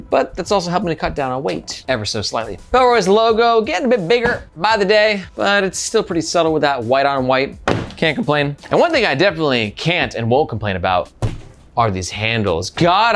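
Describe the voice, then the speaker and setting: A man's voice: fairly high pitch, a bit bright, a little hiss or hum. A man giving a casual product review, chatty and playful, with slang and jokes. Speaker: bag reviewer.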